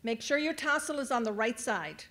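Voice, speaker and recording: A woman's voice: fairly high pitch, animated, normal speed. A woman speaking at a graduation ceremony, addressing the graduates and guiding them through the tassel ritual from a podium microphone in a large venue. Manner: warm, directing the crowd with instructions. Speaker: adult education staff speaker at graduation.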